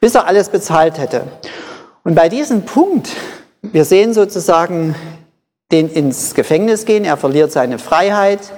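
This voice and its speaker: Speaking at an ordinary middle pitch with a darkish tone and lively intonation, a preacher gives a sermon in short, measured phrases, returning to each key point to hammer it home. Every phrase trails a long reverb tail, like in a church hall.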